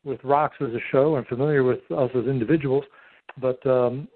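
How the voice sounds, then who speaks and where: A middle-aged man hosts a casual three-way phone call. He talks in a halting, wordy way at an average pitch. The sound is thin and tinny, like a dry phone line. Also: fairly even intonation, no echo. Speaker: podcast host. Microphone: telephone call.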